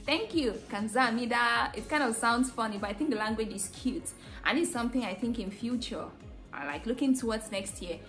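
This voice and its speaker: A woman's voice: on the high side, fairly quick, faint music behind. A young Nigerian woman hosting a casual vlog, talking chattily to camera and laughing easily. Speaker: vlogger host.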